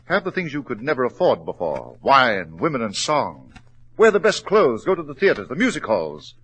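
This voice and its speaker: In 1940s radio drama style, a male actor plays a grave, outwardly sympathetic doctor, speaking in a measured, solemn, persuasive manner. His medium-pitched voice is a bit bright and slightly rough, exaggerated, with huge pitch swings.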